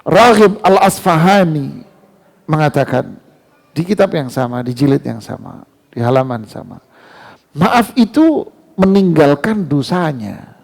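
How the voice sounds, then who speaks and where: Gravelly, slow-speaking male preacher. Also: on the high side. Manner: animated, rising loud on key words, slowing to recite verses. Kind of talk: mosque sermon. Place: mosque.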